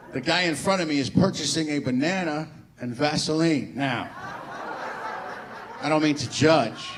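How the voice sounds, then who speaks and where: A male stand-up comedian performing a set, telling stories and acting out dialogue, with swearing and audience laughter. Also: mid-range voice. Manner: storytelling with acted-out dialogue and swearing. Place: live comedy venue.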